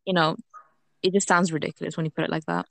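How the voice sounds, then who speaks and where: Female co-host, non-native speaker, lower register, very dry sound. Informal explainer delivery, halting as if mentally translating. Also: steady tone, vocal fry, no echo. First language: not English.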